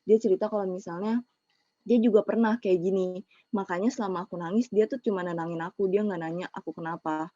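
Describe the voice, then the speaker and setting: A woman's voice: mid-range voice, fairly even intonation, fast talker, warm tone, dry recording. A young woman, telling an emotional personal story in casual slang for a webinar over a video call. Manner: emotional, confessional, Jakarta slang. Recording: muffled lo-fi online call audio.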